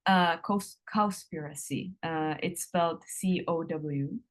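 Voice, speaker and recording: A woman in her thirties from the Republic, a guest answering interview questions in an unhurried way with frequent ums and drawn-out words. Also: deep voice. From Czech Republic. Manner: hesitant, many ums, slowing and drawn out.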